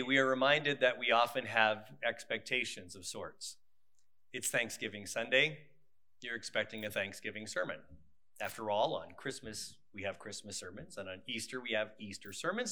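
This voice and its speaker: A man preaching a sermon in a conversational but deliberate manner, building points through repetition. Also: mid-range voice, pushed and bright.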